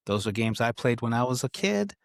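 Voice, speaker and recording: A man's voice: mid-range voice, big pitch swings, brisk, creaky, no room sound, clean studio sound. A middle-aged man with a Bronx accent hosts a casual interview, prompting with easygoing questions and short replies. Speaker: host interviewing his son.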